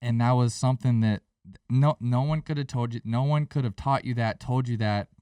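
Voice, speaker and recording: Co-hosting a trading podcast, a man speaks earnestly and a bit preachily, addressing listeners directly with advice during the conversation. His mid-range voice is warm and clean at normal speed, with no echo but a distant mic.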